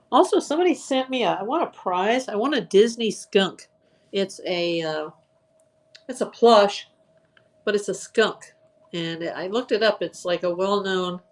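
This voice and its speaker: In casual live-selling chat, a woman with a fairly low voice hosts an online auction stream, saying hello to viewers by name and listing items. Her voice is tiring and slightly hoarse after hours on air.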